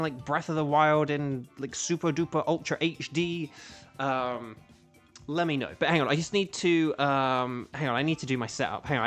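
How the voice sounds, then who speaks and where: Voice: medium pitch, a bit bright. A game streamer with a mid-range voice talks casually to chat in an echoey room. The delivery rambles and repeats itself, with faint music behind it. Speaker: livestream host. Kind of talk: casual gaming livestream chat.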